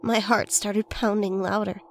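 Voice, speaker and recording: A woman's voice: medium pitch, little pitch movement, a little slow. A woman reading a scripted first-person horror story as its narrator. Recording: faint noise and ambience behind voice.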